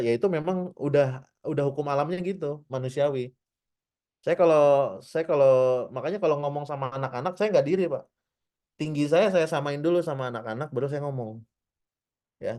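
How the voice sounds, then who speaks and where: This man in his thirties, a digital marketing trainer, runs a casual online class. He speaks at a medium pitch with a darkish tone. He chats easily, frequently tacks "ya" onto his points, addresses "teman-teman," and plays out short sample conversations.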